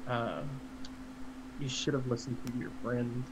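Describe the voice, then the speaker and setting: A man's voice: medium pitch, fairly even intonation, a little slow, background noise, natural voice. A man voicing a scheming, curt villain who commands his underlings in a tabletop role-playing game. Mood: scheming, commanding.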